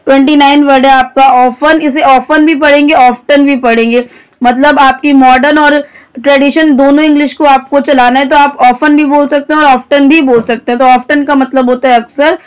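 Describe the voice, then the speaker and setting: A woman's voice: high-pitched, fairly even intonation, normal speed. A woman teaching English vocabulary, spelling each word letter by letter and then explaining its meaning. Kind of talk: vocabulary lesson, spelling out words.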